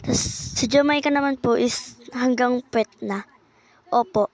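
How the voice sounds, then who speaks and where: Chatty high-voiced girl vlogger. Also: a little slow, a little hiss or hum. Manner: polite, uses po often, chatty. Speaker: child vlogger. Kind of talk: casual vlog narration.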